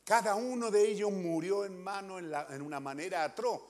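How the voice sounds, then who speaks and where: High-voiced preacher, swinging loud and soft. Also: male voice, a little fast. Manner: emphatic, questioning the congregation, swinging loud and soft. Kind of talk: sermon.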